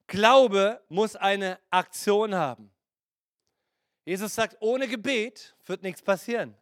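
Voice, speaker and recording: High-voiced man preaching slowly. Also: a bit bright, no echo, studio quality. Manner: preaching with acted asides and playful mimicry. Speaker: pastor. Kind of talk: sermon.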